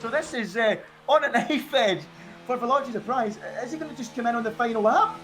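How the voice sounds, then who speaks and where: A man's voice: extremely high pitch, a little fast, a bit bright, slight background noise. A man giving co-commentary and analysis on a live esports race, chatty and fond of rhetorical questions.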